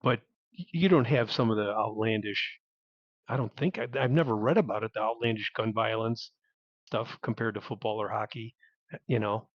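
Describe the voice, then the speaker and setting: A man's voice: on the low side, normal speed, no room sound. A middle-aged man calling in over a clipped phone line, talking casually and rambling through his thoughts with restarts. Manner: rambling, thinks aloud with restarts. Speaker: caller. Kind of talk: casual call-in chat.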